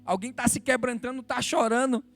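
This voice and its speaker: A Brazilian man preaching a sermon in church, swinging between fervent exhortation and low, intimate confession, with soft instrumental music behind him. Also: steady tone, brisk. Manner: emotional, rises to fervent exhortation then drops low and intimate. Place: church sanctuary.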